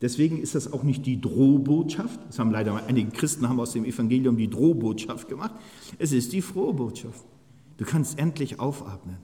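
A man preaching a sermon with fervor, speaking directly to his listeners and swinging between hushed and loud passages. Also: mid-range voice, animated, a little fast. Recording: long hall reverb.

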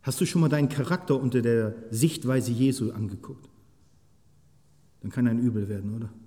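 A man preaching a sermon with passion, moving from quiet, searching questions to loud, pleading outbursts and putting questions straight to his listeners. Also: mid-range voice, a little fast. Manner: impassioned, swings from soft to loud shouting; asks the listeners many direct questions. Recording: long hall reverb.

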